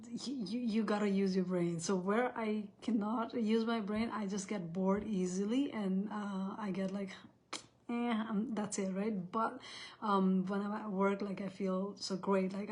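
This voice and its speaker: A woman in her thirties from Nepal, hosting a casual livestream in a chatty, rambling way, often restarting sentences. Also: mid-range voice. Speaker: host.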